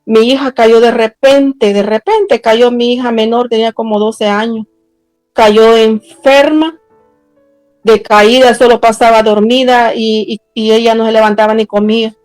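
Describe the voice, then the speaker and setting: A woman's voice: steady tone, a little mellow, no room sound, soft background music, poor audio. Earnest woman preacher. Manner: earnest, slows down and rises in pitch when stressing a point. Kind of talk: personal testimony sermon.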